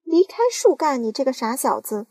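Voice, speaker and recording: A woman putting on shrill scolding Aunt Spiker. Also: lively intonation, moderate pace, mellow, no room sound, studio quality. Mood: shrieking. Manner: shrieking, scolding.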